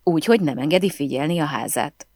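A woman doing a shrill, panicky film star. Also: very animated, a little mellow, dry recording, clean studio sound, exaggerated voice. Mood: panicked, bossy. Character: hysterical frightened female film star.

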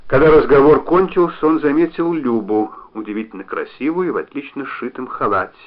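A man narrating a novel in a measured, expressive reading style, on a dull lo-fi recording. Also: mid-range voice. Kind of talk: literary audiobook reading.

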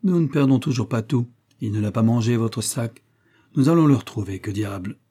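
A man's voice: medium pitch, animated, moderate pace, warm tone, breathy edge. A man reading an audiobook, voicing a cocky young Parisian street lad who talks in a boastful, slangy way.

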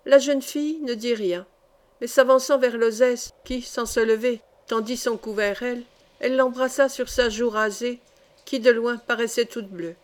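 Woman reading a novel aloud. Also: fairly high pitch. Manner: measured, even storytelling. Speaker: audiobook reader. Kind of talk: scripted narration of a novel.

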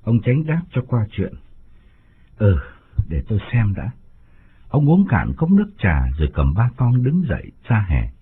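A man narrating a village story in an expressive, lively way. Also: medium pitch, normal speed, few pauses, a little hiss or hum. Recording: tinny phone-like audio with music.

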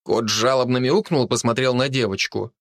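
A man narrating an audiobook in an expressive storytelling manner. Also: medium pitch, fairly quick, no room sound, clean studio sound.

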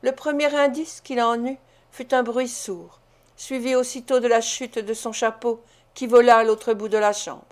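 Female audiobook narrator, slightly high, measured expressive reading of a classic. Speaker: audiobook reader. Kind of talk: scripted narration of a classic novel.

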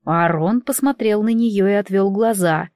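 A woman's voice: mid-range voice, normal speed, a little mellow, no echo. Woman narrating first-person fiction. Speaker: audiobook narrator.

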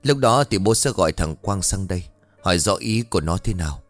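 A man voicing a gentle, worried older father who speaks softly and calmly, in a story reading. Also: sits low, brisk, faint music behind. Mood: soothing. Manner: soft, calm and soothing.

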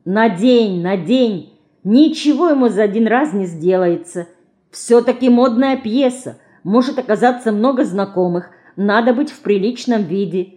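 A woman's voice: on the high side, animated, moderate pace, voice pushed up, lightly acted. Woman playing a blunt, decisive aunt. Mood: firm. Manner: firm, sharp-tongued.

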